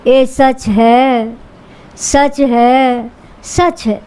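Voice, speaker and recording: A woman's voice: high-pitched, fairly even intonation, very slow, mellow, smooth, low-quality recording. A woman reading the lines of a humble, grateful man healed of lame legs, in an earnest, pleading way. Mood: exclaiming.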